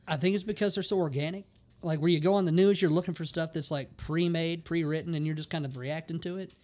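Fairly high-voiced guy, podcast guest, excited talker, rambles on. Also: fast talker. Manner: enthusiastic storyteller, self-described nerd. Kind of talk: casual chat.

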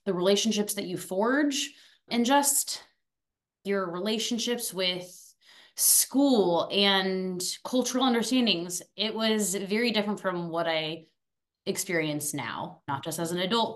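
Speaking unhurriedly in a lowish voice, this podcast guest is an alumna raised first in France, then in Arizona. She's talkative, upbeat and goofy in the casual interview chat.

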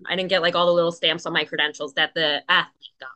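Bright-voiced woman, casual guest. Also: fairly low pitch, little pitch movement, fast talker. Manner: chatty, many fillers, explains plainly. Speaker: guest, Paralympic coxswain. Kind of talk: casual podcast conversation.

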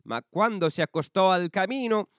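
A man narrating a traditional fairy tale for a bedtime podcast in an expressive storytelling manner. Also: high voice, moderate pace, no room sound, studio quality.

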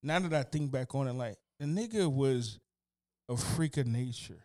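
A man co-hosting a podcast in casual chat, telling stories in a loose, animated, profane way. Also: medium pitch, moderate pace. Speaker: podcast co-host.

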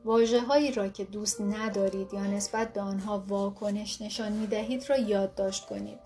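A woman narrating a self-help book in a calm, steady reading voice. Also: mid-range voice. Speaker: audiobook narrator.

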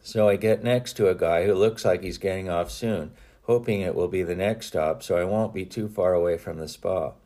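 A man's voice: sits low, normal speed, mellow. A man reading his own book aloud, telling a personal story in an earnest, reflective way with a few small restarts. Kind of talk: audiobook narration.

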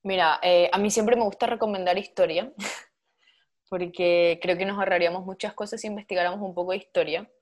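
A woman speaking thoughtfully in a casual panel discussion, pausing often on fillers. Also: fairly low pitch. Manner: thoughtful, with frequent filler pauses.

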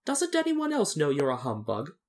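A man's voice: on the high side, wildly swooping pitch, normal speed, roomy sound, big-room sound, pitched above the performer's own voice. A man voicing a bold, earnest young farm girl from a storybook. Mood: puzzled.

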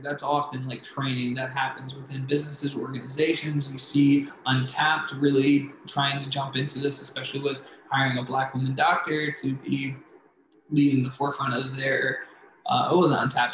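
A man's voice: medium pitch, a bit bright. A man co-hosting a podcast in a casual, playful and rambling way. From Philadelphia area. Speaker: podcast co-host. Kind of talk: casual chat. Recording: roomy echo with faint background hiss.

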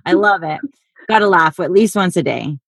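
A woman's voice: lowish voice, normal speed, gravelly, fairly bright tone, no room sound. A woman hosting an interview in a casual, chatty style. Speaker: interview host.

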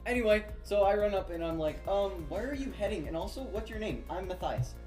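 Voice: mid-range voice, expressive, a little fast, over music. A player speaking hesitantly and informally in a casual improvised tabletop role-play.

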